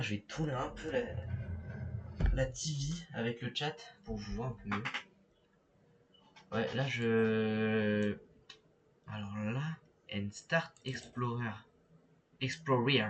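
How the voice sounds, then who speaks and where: A man streaming a game live, talking to his chat in a halting, stammering way and reading the screen aloud. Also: lowish voice, a little hiss or hum. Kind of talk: live gameplay commentary.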